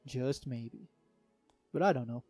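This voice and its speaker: A young man talks casually over his own gameplay, rambling and easygoing, often trailing off and starting over. His voice is mellow and soft-edged, and faint music plays underneath. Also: mid-range voice, takes it slowly. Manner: rambling, easygoing, many fillers and restarts. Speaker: let's play commentator. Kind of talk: casual solo gameplay commentary.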